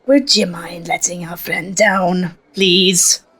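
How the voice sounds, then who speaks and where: A woman's voice: fairly low pitch, fairly even intonation, takes it slowly, a bit bright, husky. A woman chatting casually as a player in a tabletop game. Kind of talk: casual chat.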